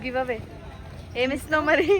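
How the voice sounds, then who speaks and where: A high-pitched young woman in her twenties talks fast into her phone camera, teasing friends and mixing in English words. She is outdoors on a busy college campus, and a crowd chatters loudly behind her. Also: steady tone. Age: 20s. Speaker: vlogger and graduating student. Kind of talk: casual vlog chat with friends.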